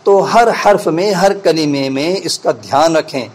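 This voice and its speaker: In a roughly recorded session, a male teacher of Quran reading walks teachers and pupils through pronunciation, pausing for careful, slow letter-by-letter spelling drills. His voice is slightly high and a bit mellow.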